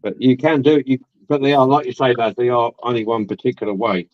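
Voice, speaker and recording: A man's voice: medium pitch, level tone, quick pace, no echo, highs cut off. A man chatting casually, rambling and repeating himself as he goes. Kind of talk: casual chat.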